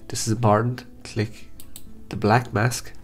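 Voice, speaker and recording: A man with a blocked-up, nasal voice from hay fever, calmly talking through a software photo-editing tutorial step by step. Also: lowish voice, a little slow, soft background music. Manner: calm step-by-step instructions. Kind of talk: screen-recorded software tutorial.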